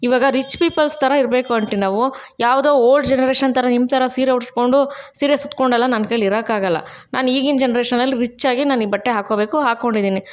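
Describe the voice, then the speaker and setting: A woman's voice: fairly high pitch, fast talker, pitched above the performer's own voice, lightly acted. A woman voicing a brash, defiant young daughter-in-law who talks back sharply and sprinkles in English words.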